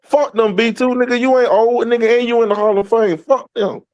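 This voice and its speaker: A man's voice: very high-pitched, steady tone, a little fast, no room sound, lo-fi sound. A man co-hosting a podcast, cracking jokes and trash-talking in casual chat. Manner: loud joking trash talk. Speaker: podcast co-host.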